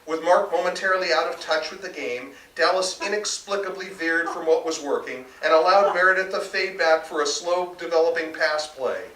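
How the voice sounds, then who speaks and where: An American man reads his novel aloud at a bookstore event indoors, speaking at normal speed with few pauses in a fairly high, pushed and bright voice. The live recording is distant and roomy, with faint noise.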